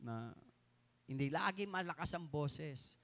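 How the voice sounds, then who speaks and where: A middle-aged pastor from the Philippines preaching a live sermon to his congregation, often asking "no?" and stretching key words slowly for emphasis. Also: a little high, expressive, bright, forceful tone. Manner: keeps adding tag questions "no?" to the congregation. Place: church hall.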